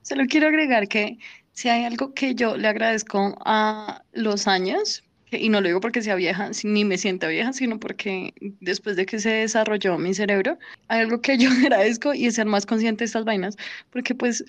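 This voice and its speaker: A woman's voice: fairly high pitch, moderate pace. A young woman, chatting wryly and self-deprecatingly as a podcast co-host. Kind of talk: casual chat. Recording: slightly dull lo-fi sound.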